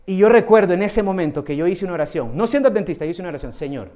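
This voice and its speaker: Man preaching with loud emphatic bursts. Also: high voice, expressive, racing. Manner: tags many phrases with a questioning "right?"; swings between soft asides and loud emphatic bursts. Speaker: lay preacher. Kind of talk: sermon with personal testimony.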